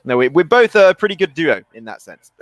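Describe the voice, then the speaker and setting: A man doing excitable play-by-play commentary on an esports football match, often restarting his sentences. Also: a little high. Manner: rapid, excitable calls with frequent restarts.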